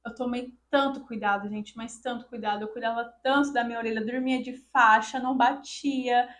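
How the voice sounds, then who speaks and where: High-voiced indignant young Brazilian woman. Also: fairly even intonation, fairly quick, a bit bright. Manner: emotional, indignant, addresses viewers often. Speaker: vlogger. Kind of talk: casual storytelling to camera.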